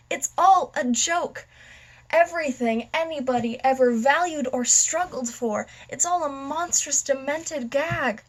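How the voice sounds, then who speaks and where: A mad, mocking villain, acted out by a woman in a stage-style monologue. The voice sits fairly high and moves theatrically between drawn-out words and hushed, bitter confidences. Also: rough recording.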